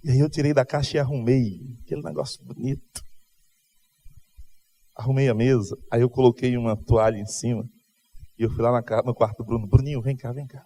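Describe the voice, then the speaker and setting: A man preaching a sermon in church, asking the congregation questions and telling a personal story, his delivery swinging from loud calls to quiet moments. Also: medium pitch, fairly even intonation, fairly quick, pauses often. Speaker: pastor. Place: church service.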